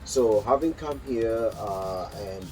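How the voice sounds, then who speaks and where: Hesitant Kenyan man, low mellow voice. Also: expressive, soft background music, poor audio. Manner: hesitant, full of pauses and filler sounds. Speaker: interview guest. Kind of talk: casual interview chat.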